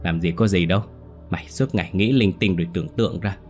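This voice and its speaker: A stern but caring older mother in a spoken horror story, chiding and then gentle. A male narrator speaks her lines in his own low voice, over faint background music. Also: quick pace, natural voice. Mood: scolding. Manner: scolding, then softening.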